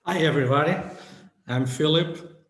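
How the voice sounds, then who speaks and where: A man's voice: a little high, normal speed, fairly bright tone. A man from Portugal, a guest on a video call, introducing himself hesitantly with many fillers. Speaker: guest wine lover. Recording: echoey room on a video call.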